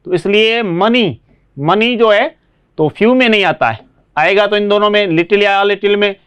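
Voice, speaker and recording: Higher-pitched Indian man teaching English. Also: a bit bright, clean tone. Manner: explains slowly, checks understanding with frequent rhetorical questions. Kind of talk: classroom lesson.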